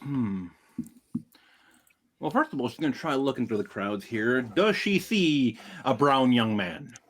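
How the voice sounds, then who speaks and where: Lively-voiced man playing a tabletop game. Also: mid-range voice, a little slow. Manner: thinking aloud, hesitant. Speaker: player. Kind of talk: casual tabletop game play.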